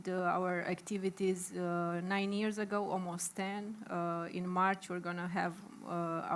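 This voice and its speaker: A woman in her thirties with a Romanian accent, speaking on a panel with many pauses and fillers. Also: medium pitch. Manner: hesitant, many fillers, slightly nervous. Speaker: panelist for a humanist association. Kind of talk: panel discussion.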